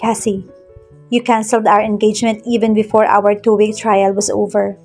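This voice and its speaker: A woman's voice: mid-range voice, flat delivery, normal speed, a little mellow, soft background music, close to an everyday voice. A woman voicing a desperate young billionaire fiancé, urgent and pleading, in a read-aloud love story.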